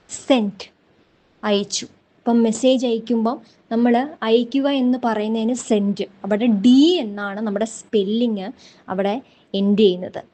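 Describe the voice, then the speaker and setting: A woman teaching a language lesson, reading word pairs slowly and deliberately one at a time for listeners to repeat. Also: a little high, mellow, low-quality recording. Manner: slow, deliberate, drills words one at a time. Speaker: English teacher. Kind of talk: slow drill lesson.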